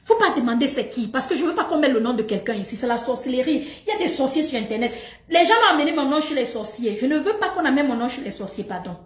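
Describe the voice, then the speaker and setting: Animated gossiping woman in a roomy space. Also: on the high side. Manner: emphatic, repetitive, laughing often. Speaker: live streamer. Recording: roomy echo.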